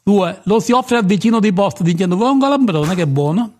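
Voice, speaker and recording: A man acts out a cantankerous comic quiz master in a radio sketch. The voice sits high, rambling through absurd etiquette questions in a blunt, crude, easily riled way. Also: lively intonation, brisk, a little mellow. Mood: impatient, pedantic.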